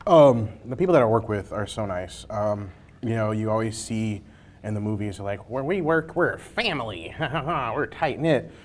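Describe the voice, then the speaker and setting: During a hot sauce challenge interview, the host, a library information desk worker, keeps things jokey and colloquial. His lowish voice has lively intonation, and he moves at a moderate pace.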